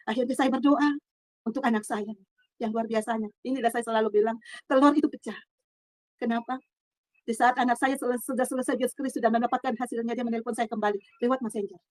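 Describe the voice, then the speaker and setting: A middle-aged woman gives an earnest personal testimony in her own room, her voice high and her words rushing. She halts and restarts often and swings between hushed and loud passages, recorded dry and close. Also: no room sound. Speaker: testimony speaker.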